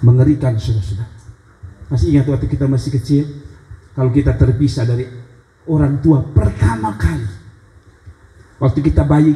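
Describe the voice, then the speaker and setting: A male pastor preaching a sermon in a lively, animated style, with wide swings in his delivery. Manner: animated preaching with big pitch swings and acted child cries. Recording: echoey church hall.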